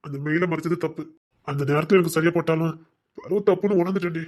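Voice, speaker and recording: A man's voice: a little high, fairly even intonation, fast, a little mellow, lightly acted. A man with a Tirunelveli Tamil accent playing a remorseful young husband who tenderly coaxes his pregnant wife in a domestic drama. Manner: tender, pleading, coaxing. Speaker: actor in a web series. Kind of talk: emotional domestic drama acting.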